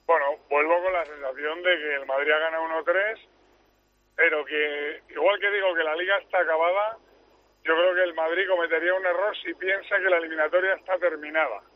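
A man's voice: on the high side, steady tone, fairly quick. A man calling in from the road to give chatty, opinionated sports analysis on the radio. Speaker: commentator calling in. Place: car on the road. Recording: tinny phone line.

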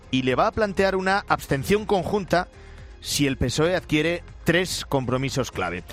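A man's voice: fairly high pitch, a bit bright. A man presenting radio news with an emphatic, punchy delivery and pointed asides. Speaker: news anchor.

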